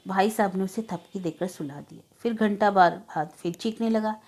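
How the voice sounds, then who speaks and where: A woman storyteller narrating a story in a slow, somber reading manner. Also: mid-range voice, a little mellow. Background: faint music.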